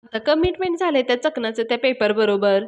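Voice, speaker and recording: A woman reviewer casually retelling a TV serial episode in a chatty, lively storytelling manner. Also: fairly high pitch, fairly quick, muffled recording.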